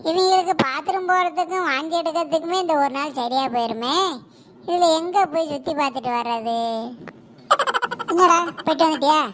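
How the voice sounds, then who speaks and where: A woman's voice: sits high, slight background noise, lightly acted, low-quality recording. A woman voicing a harried female school teacher in a cartoon, scolding pupils in a Kanyakumari Tamil accent. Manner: exasperated, bossy scolding. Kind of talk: cartoon voice acting.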